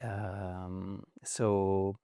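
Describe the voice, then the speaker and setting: A middle-aged man with a slight French accent, speaking in measured, hesitant phrases as a guest in an interview conversation. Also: low-pitched, level tone, mellow, smooth, no echo, clean studio sound. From France. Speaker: podcast guest, investment fund founder.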